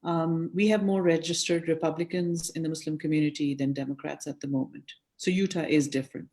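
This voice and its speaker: Measured woman moderating a video call. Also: low voice, steady tone, mellow. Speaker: host of a community civic group.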